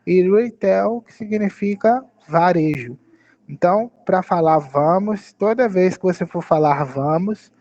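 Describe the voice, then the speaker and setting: A man's voice: on the high side, a little mellow, muffled recording. A man with a Brazilian Portuguese accent teaching English phrases, patiently repeating and spelling out words.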